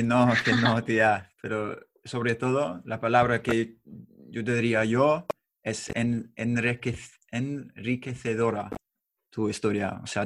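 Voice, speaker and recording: Relaxed man asking questions. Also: medium pitch. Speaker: interviewer. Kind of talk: casual conversation.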